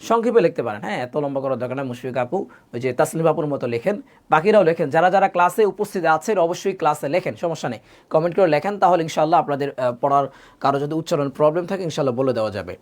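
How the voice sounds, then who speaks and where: A man with a Bangladeshi Bengali accent teaching a live online Quran recitation class. He drills letter sounds slowly and reads out student comments. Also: a little high, lively intonation.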